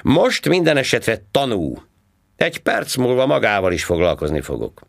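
A man voicing a loud, sharp-tongued traffic cop who barks sarcastic questions in a high-pitched voice. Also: sing-song, gravelly, dry recording, clean studio sound. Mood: barking.

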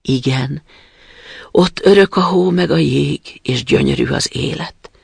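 A homesick reindeer from a fairy tale, wistful and proud, as a man reads him. He is close to the reader's own voice, husky and gravelly, recorded dry. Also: on the high side, dry recording, full character voice. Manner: wistful, sighing.

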